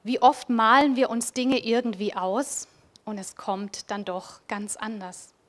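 A woman giving a reflective Christmas devotional, speaking directly to the listener and at times dropping to a soft near-whisper. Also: fairly high pitch, fairly even intonation, unhurried. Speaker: preacher.

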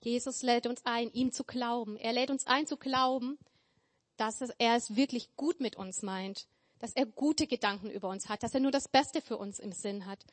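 A woman's voice: on the high side, normal speed. A woman preaching a sermon in an earnest, emphatic way, building her points through repetition. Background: church hall with tables.

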